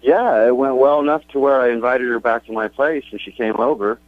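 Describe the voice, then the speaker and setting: A man's voice: mid-range voice, fairly quick. A man calling into a radio show, sheepish and hesitant as he admits an awkward mistake. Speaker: caller. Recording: dull phone line.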